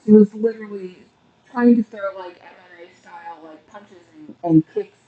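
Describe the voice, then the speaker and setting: A woman's voice: medium pitch, moderate pace, phone-quality sound. Young adult woman, podcast co-host, casual wrestling recap; blunt, profane, opinionated. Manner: blunt, profane and opinionated, laughing at her own jokes.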